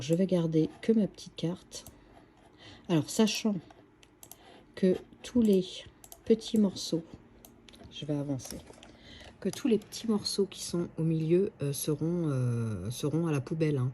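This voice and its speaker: A woman's voice: low voice, dark tone, slight background noise. A woman hosting a screen-recorded craft tutorial, chatty and hesitant, with many fillers and restarts.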